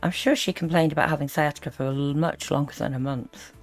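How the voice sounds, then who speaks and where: A woman's voice: deep voice, brisk, soft background music. A woman giving critical reaction commentary as host, disapproving and full of sarcastic asides.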